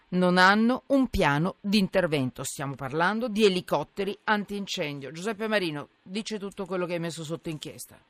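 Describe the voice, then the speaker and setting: A woman's voice: on the low side, no room sound. A woman hosting a live radio news talk, speaking in an emphatic, indignant way and often cutting in. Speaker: radio host.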